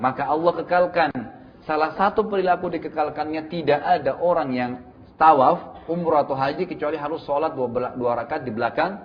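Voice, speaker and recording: A man's voice: on the high side, muffled recording, slight background noise. Conversational man preaching. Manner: conversational, frequent tag questions, speaks directly to listeners. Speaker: Islamic preacher. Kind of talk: religious lecture to a congregation.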